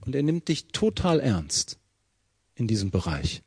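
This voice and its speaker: In this sermon, a preacher goes through a scripture passage verse by verse, often turning to ask the congregation questions. His mid-range voice is mellow and slightly husky, very animated yet unhurried. He's recorded close and dry, with no echo.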